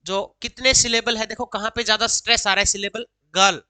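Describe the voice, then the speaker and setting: A woman teacher walks through exam answers. She reads each question in slow, careful English, then explains it briskly in Hindi. Her voice is bright and crisp, recorded close and dry. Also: a little high, steady tone, no room sound, low-quality recording. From Haryana, India. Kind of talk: exam solution lesson, reading questions aloud then explaining.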